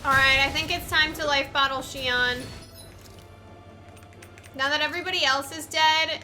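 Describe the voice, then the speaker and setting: Over the game's music and combat audio, this let's player offers loose, informal commentary with a bit of swearing. Her high voice has a sharp tone and fairly even intonation, and she talks at a normal speed.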